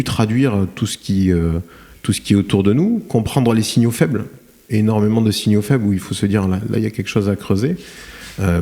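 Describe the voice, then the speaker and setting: A deep, mellow-voiced man from France, a cement plant director, is a guest on a podcast interview. He tells reflective stories haltingly, with many fillers and restarts.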